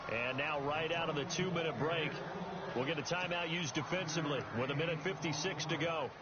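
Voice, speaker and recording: Calling football play-by-play, this man has a fairly high voice and talks a little fast, with a lightly acted delivery that emphasizes major plays. It comes through a muffled game stream full of loud background noise.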